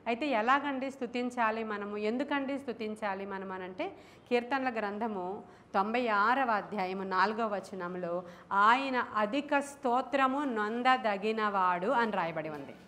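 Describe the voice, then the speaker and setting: A woman's voice: mid-range voice, moderate pace, fairly bright tone, slight background noise. A woman pastor with a Telugu accent, preaching a sermon to her congregation and asking them questions. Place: church.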